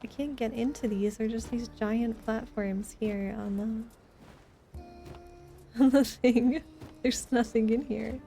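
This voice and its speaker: Taking it slowly, with long pauses, a woman in a fairly high, dark-toned voice live streams a video game indoors. She chats casually and answers her viewers over soft background music.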